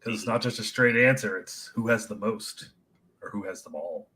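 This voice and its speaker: A man's voice: on the low side, moderate pace, bright, forceful tone, slightly rough, poor audio. A man who wrote the trivia questions, announcing the answers and the scores with wry jokes. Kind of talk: casual chat.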